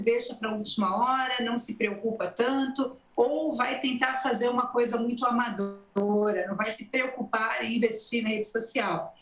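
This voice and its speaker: Brazilian woman explaining in a roomy studio. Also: fairly high pitch. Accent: São Paulo interior Brazilian Portuguese. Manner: explanatory, steady, many "né" tags. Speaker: journalist and election marketing consultant. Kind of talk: TV studio interview answers.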